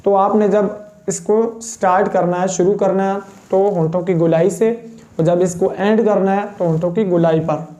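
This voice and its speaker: A man's voice: high voice, fairly even intonation, dark tone. Patient man teaching pronunciation. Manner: patient, demonstrates each letter sound slowly. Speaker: Quran recitation teacher. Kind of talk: step-by-step pronunciation lesson.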